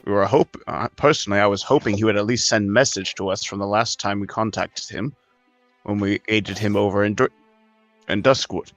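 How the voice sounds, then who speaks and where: A man with a fairly low voice speaks as a tabletop player. His casual role-play is hesitant and self-correcting, recorded dry with faint music underneath. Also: fairly even intonation, fairly quick, fairly bright tone, no echo.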